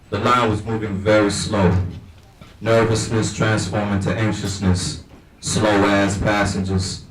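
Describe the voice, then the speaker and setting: A man's voice: lowish voice, a bit bright. A young man reading his own memoir piece aloud at a writers' event, earnest and plain-spoken. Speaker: student reader at a writers' gala. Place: large event hall. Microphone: far from the recorder. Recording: echoey hall from far off.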